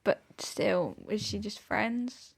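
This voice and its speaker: A woman's voice: mid-range voice, slow pace, gravelly, husky. Chatty woman on a film podcast. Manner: chatty, laughs easily. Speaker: podcast co-host. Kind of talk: casual film discussion.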